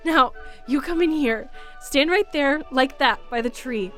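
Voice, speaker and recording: An actress playing a loving wife who screams in fear and later speaks tenderly. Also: female voice, high-pitched, a little slow, fairly bright tone, faint music behind. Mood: tender relief. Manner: emotional and tender. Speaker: wife Mary.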